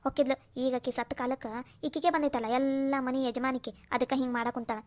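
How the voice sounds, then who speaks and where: A woman's voice: sits high, fairly even intonation, a little fast, a little mellow, natural voice. A woman with a North Karnataka Kannada accent voicing an older village woman who gossips and asks about the neighbors. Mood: chatty. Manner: chatty, gossiping. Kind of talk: cartoon voice acting.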